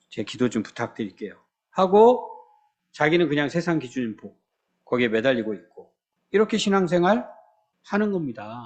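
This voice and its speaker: Male pastor, higher-pitched voice, conversational sermon in church, rhetorical questions, acts out quoted prayers.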